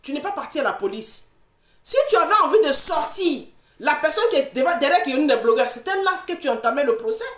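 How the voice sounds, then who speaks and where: A woman with a high, lively voice argues in a confrontational, repetitive way, often breaking into mocking laughter. Her voice swings widely in pitch. She sounds like she is in an echoey room. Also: quick pace. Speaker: social media commentator. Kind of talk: heated live argument.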